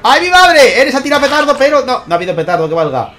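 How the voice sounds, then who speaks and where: A man with a Spain Spanish accent, hosting his channel and commentating a tournament match, excitable and constantly checking in with his viewers. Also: very high-pitched, very fast, faint music behind. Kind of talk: gameplay commentary.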